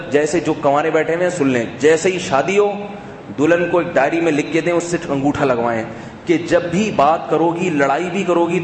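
A man giving a sermon to a live audience, chatting with the crowd, asking them rhetorical questions and dropping to a soft hush to make a point. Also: on the high side, a little hiss or hum. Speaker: preacher and counselor. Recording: echoey hall with faint ambience.

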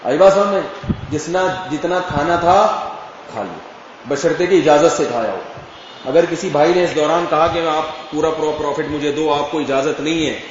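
An Islamic scholar gives a religious lecture answering questions, explaining in a chatty way and pausing with rhetorical questions to check that listeners follow. His slightly high voice is picked up from far away on a dull mic, echoing through a large hall over a faint hiss.

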